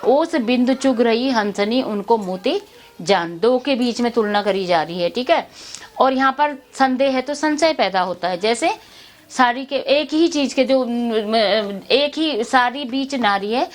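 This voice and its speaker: A woman's voice: fairly high pitch, unhurried. A woman teaching a Hindi grammar lesson to students, repeating terms and asking herself questions before she answers them.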